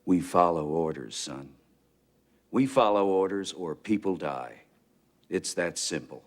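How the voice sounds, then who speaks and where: An actor playing a hardened, contemptuous military commander in a film drama, clipped and interrogating. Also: male voice, sits low, animated, a little slow. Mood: cold.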